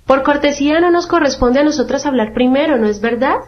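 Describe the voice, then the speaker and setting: A woman's voice: sits high, fairly quick, voice pushed up, lightly acted. A woman doing a condescending talking rose. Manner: condescending, patronizing. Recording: dull lo-fi radio sound.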